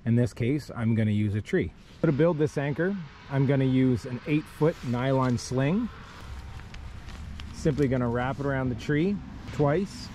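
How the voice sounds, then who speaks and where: A man's voice: mid-range voice, a little slow, dark tone, slight background noise. Methodical man demonstrating rope rigging outdoors. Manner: plain, methodical, talks while rigging by hand. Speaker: kayak rescue instructor. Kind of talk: step-by-step instructional demo. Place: outdoors on a rocky riverbank. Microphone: wearable camera on body.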